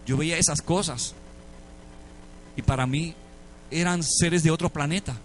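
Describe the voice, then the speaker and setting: A man's voice: fairly high pitch, a little slow, a little hiss or hum. A Puerto Rican man preaching a sermon, telling a story and acting out the dialogue with dramatic shifts between voices. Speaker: pastor. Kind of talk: sermon testimony.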